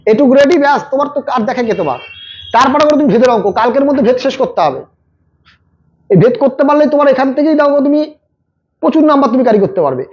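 With an extremely high, slightly mellow voice and lively intonation, a man tutoring maths hands out last-minute exam tips over lo-fi audio. He speaks quickly and directly to students, repeating his points as he coaches them.

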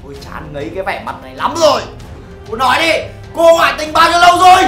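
A man's voice: very high-pitched, big pitch swings, slow, gravelly, pushed and bright, soft background music, heavily acted. A man playing a young husband who harshly accuses his wife. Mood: angry, shouting. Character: angry young husband, quick to believe his mother. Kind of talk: web drama acting. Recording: roomy echo.

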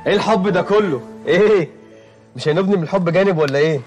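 Actor as a cheerful young egyptian son, quick, slightly high, reassuring, music behind. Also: male voice, a little mellow, highs cut off, lightly acted. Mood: teasing. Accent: Egyptian Arabic. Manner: cheerful, reassuring, sings a few lines. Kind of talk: Egyptian TV drama acting.

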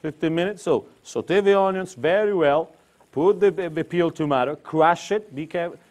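This man's voice is on the high side, a little mellow, and moderately paced. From Tuscany, Italy, and a native Italian speaker with the accent to match, he talks through a cooking demonstration on a kitchen set in broken English with Italian interjections.

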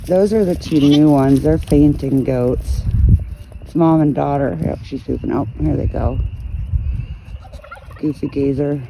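A woman in her thirties filming her goats outdoors on her phone, chatting casually, laughing and cooing at the animals in a higher voice. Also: measured pace, gravelly, long pauses, mellow, low-quality recording. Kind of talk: casual phone vlog narration. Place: outdoors in a farm pasture at sunset. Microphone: phone held while filming. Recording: outdoor phone audio with background noise. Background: goats and outdoor ambience.

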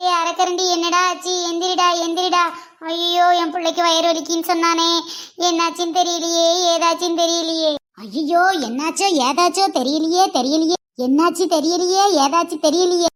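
A woman's voice: very high-pitched, completely flat delivery, a little fast, bright, forceful tone. A woman playing a village mother who scolds and wails in a comic skit. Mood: wailing. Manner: scolding, wailing. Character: loud fussing village mother.

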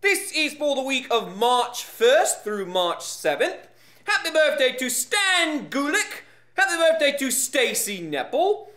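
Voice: sits high, unhurried, exaggerated voice. An actor voicing a pompous, aristocratic puppet monster lord who hosts a comic vlog with old-fashioned slang. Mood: cheerful. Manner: pompous, animated, British-style slang. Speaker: host.

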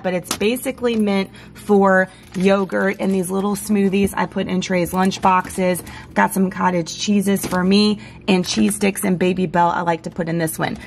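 An American woman in her thirties chatting casually and upbeat through a home tour, her scratchy, strained voice giving out from allergies. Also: mid-range voice. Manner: upbeat, informal, addresses viewers directly. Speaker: home organization vlogger. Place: home kitchen, indoors. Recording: clear background hum and noise.

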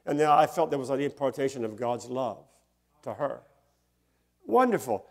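An older man, a pastor, preaches a sermon at normal speed, sharing personal stories in a conversational way. His medium-pitched voice has lively intonation; he chuckles often and rises into emphatic bursts.

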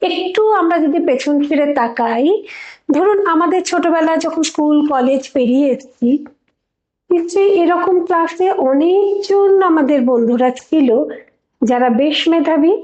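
A woman psychologist with a Bengali accent from West Bengal, calmly explaining things to parents and posing rhetorical questions. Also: sits high. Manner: calm, asks rhetorical questions. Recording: echoey room, dull lo-fi sound.

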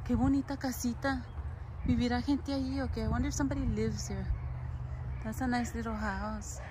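On a noisy handheld phone recording, a woman vlogger with a fairly high voice chats casually while walking outdoors past stone ruins and along a park path. She talks fairly quickly with fairly even intonation, switching between Spanish and English.

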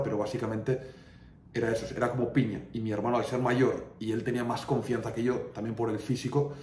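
A man's voice: lowish voice, warm tone. A young man from Navarre in Spain, an online fitness coach, talking casually and candidly to the camera, dropping "tío" and "¿sabes?" as he goes. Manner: colloquial, candid, peppers speech with "tío" and "¿sabes?". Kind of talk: casual confessional chat. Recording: roomy sound, mic at a distance, faint ambience.

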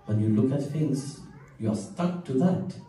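A middle-aged man giving a spiritual discourse as a serene guru, in short phrases with long pauses. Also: mid-range voice, animated, warm tone. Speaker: spiritual teacher. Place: large indoor temple hall, recorded from the audience. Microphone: distant camera among seated listeners. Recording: echoey hall, distant audience camera.

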